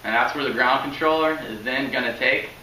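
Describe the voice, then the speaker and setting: In a brisk, bright, forceful mid-range voice, a young adult student gives an informal informational speech. A camera a few meters away records him indoors in a home room, and the result sounds roomy and distant, with faint noise.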